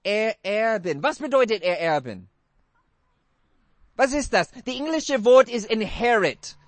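Male preacher, very high voice, dry close sound, halting non-native German, interactive sermon. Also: expressive, no room sound.

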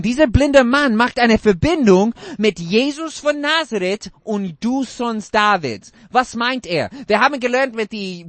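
Male preacher, very high pitch, non-native broken German, emphatic questioning sermon. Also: fairly bright tone, no echo. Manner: emphatic, asks the congregation repeated questions.

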